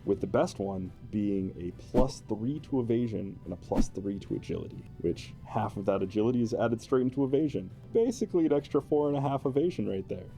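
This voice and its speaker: This man's voice is lowish, gravelly and warm, expressive and a little quick, with few pauses, and faint music plays behind him. He chats with a co-host about a tabletop character build, amused and playful and often chuckling.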